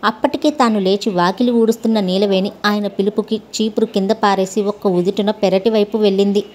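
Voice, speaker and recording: A woman narrating a scripted story in a calm, even storytelling manner. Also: medium pitch, fairly quick.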